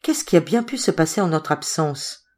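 A woman's voice: low-pitched, lively intonation, moderate pace, a little mellow. A woman reading a storybook voices a worried older woman who thinks aloud cautiously.

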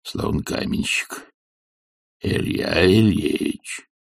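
A man voicing a stubborn old male servant who mutters and grumbles in a low, half-whispered voice, in an audiobook. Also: drawn-out words, vocal fry, slightly rough, dry recording, clean studio sound, exaggerated voice. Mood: muttering.

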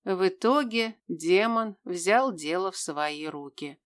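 A woman giving scripted first-person narration of an audiobook in an even, steady reading. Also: on the low side, slow.

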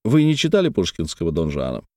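A teasing, ardent young nobleman voiced by a male audiobook reader speaks in a lifted, lilting, animated way. The sound is dry and close, with no room around it. He plays with words, lightly mocking and pleading. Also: low-pitched, fast, dry recording, voice pushed down, exaggerated voice. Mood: playful, ardent. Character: playful, talkative young nobleman in love.

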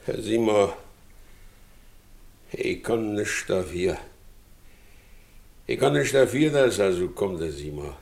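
An actor playing a brooding, jealous carter who speaks in a heavy, halting, threatening way in an old radio play. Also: male voice, lowish voice, animated, gravelly, a little mellow, heavily acted. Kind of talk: 1950s German radio play acting.

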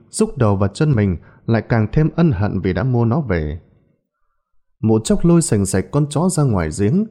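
A man narrating a ghost story in a dramatic, expressive storytelling voice. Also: fairly low pitch.

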